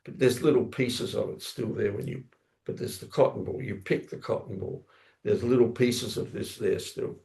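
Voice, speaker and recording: A man's voice: medium pitch, normal speed, creaky, dark tone. A man giving a scripture class, telling a story in a rambling way, often correcting himself and acting out sounds with his voice. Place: temple lounge class, indoors.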